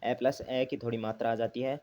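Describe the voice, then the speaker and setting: A man's voice: mid-range voice, flat delivery, a little fast, mellow. A man teaching a grammar lesson, asking himself questions and repeating the key terms. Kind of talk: classroom lesson explanation.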